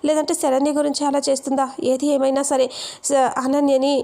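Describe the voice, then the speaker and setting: High, flat-voiced woman retelling a serial. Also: a little fast, creaky. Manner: quotes each character's lines in her own flat voice. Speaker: vlogger retelling a TV serial episode. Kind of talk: casual spoken plot retelling.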